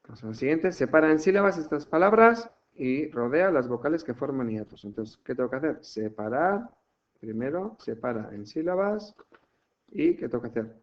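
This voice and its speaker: A man from teaching a language lesson, patiently explaining step by step and checking in often. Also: medium pitch. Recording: muffled lo-fi home recording.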